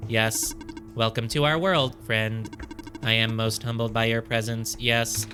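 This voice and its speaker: A man's voice: mid-range voice, steady tone, unhurried, music in the background, lightly acted. A man voicing a polite, formal robot guide while reading game dialogue aloud in a let's play, with a stiff, stately delivery. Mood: solemn.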